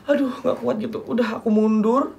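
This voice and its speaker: A young man, a talk show guest, telling a personal story in a halting, earnest way and acting out remembered dialogue. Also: extremely high pitch, steady tone, creaky, darkish tone, lo-fi sound.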